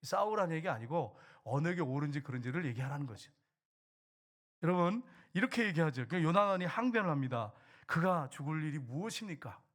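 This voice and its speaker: A middle-aged man preaching a sermon as pastor in a church, swinging from raised declarations to hushed low asides. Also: animated, a little fast. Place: church sanctuary.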